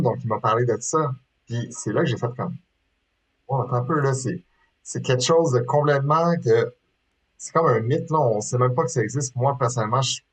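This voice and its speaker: In this low-quality recording, a sport shooter in his thirties appears as a casual interview guest, his mid-range voice carrying a Québécois French accent from Quebec, Canada. He sounds hesitant, stumbling through many fillers and restarts.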